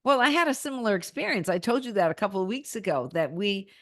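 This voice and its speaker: A woman's voice: mid-range voice, expressive, fast, fairly bright tone, dry recording. Chatty woman with a dry close mic. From Boston area, USA. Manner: chatty, laughs often, restarts mid-sentence. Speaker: podcast co-host. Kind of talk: casual chat.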